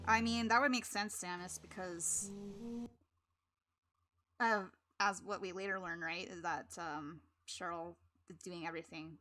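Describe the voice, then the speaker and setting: Bright-voiced woman streamer chatting. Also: fairly low pitch, fairly even intonation, a little slow, soft background music. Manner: chatty and rambling, with frequent laughs. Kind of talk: casual live-stream commentary.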